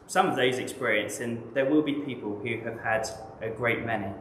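A man with an English accent preaching a sermon in a measured, reflective way, often posing rhetorical questions. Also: medium pitch, a bit bright, reverberant, slight background noise, low-quality recording. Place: church.

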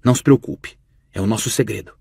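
A man voicing a young princess, a gentle and doting older sister, who speaks in a soft, hushed whisper. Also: fairly low pitch, quick pace, creaky, breathy edge, dry recording, clean studio sound, pitched below the performer's own voice. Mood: playful.

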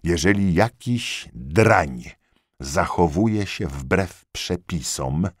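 A pompous old-army lieutenant who drags out every insult and spits out his scorn. His voice sits deep and swoops widely, in a dry, close recording. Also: expressive, breathy edge, no echo, full character voice. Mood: cold scolding. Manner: slow, cutting, rising to furious shouts. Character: pompous sneering Austrian army lieutenant, male. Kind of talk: audiobook character voice.

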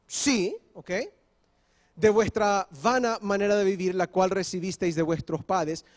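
A man's voice: sits high, steady tone, a little slow. A male pastor preaching a sermon, explaining step by step and often checking in with the congregation. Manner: switches briefly into English. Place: church.

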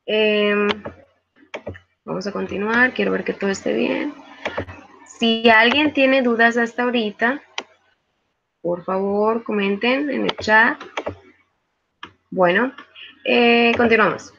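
A woman's voice: on the high side, slow pace, vocal fry, pauses often, a bit bright, muffled recording, slight background noise. A woman, a virtual tutor giving a live online class, explaining patiently with frequent hesitations. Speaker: virtual tutor teaching English.

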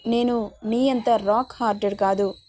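A woman's voice: fairly high pitch, fairly even intonation, unhurried, warm tone, a little hiss or hum, close to an everyday voice. A woman voicing a hurt, stubborn young woman. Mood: hurt, reproachful. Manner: reproachful, pleading questions.

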